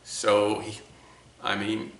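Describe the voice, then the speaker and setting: Slow, reflective man in an echoey room. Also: fairly low pitch, monotone. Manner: slow, reflective, with many restarts. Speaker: speaker of a talk series. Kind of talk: personal talk to camera. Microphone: camera mic.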